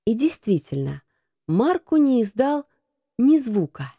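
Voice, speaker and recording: A woman narrating a children's novel as an audiobook, in a steady, expressive reading. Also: on the high side, unhurried, slightly rough, no echo, clean studio sound. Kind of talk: scripted narration.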